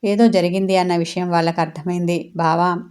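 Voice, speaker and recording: Brief: woman storyteller, serial audio drama, low and level narration. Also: little pitch movement, normal speed, a little mellow.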